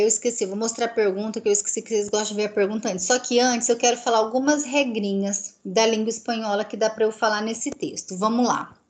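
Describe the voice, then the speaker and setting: Brazilian woman teaching Spanish grammar. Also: fairly high pitch. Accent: Brazilian Portuguese. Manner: explanatory, checks understanding often. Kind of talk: online class teaching.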